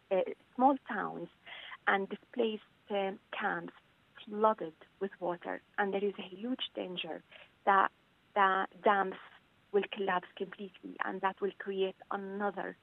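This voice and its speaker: A woman from Syria talks earnestly down a narrow, tinny phone line, her voice carrying a gravelly fry. She speaks haltingly and often restarts her phrases as a journalist guest on a radio show. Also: mid-range voice.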